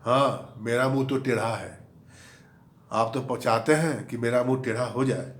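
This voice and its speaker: A man voicing his sharp-tongued, quick-to-anger wife in a comedy sketch. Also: roomy sound, natural voice. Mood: scolding. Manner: sarcastic, shrill nagging.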